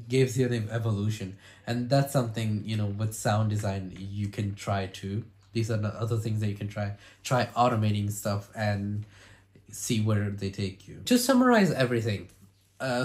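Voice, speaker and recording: A man's voice: fairly low pitch, a little mellow. A man with a cold and a congested voice, talking through sound design tips in a loose, rambling way with lots of "you know" and restarts. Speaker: music producer and video host. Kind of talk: casual sound design tutorial.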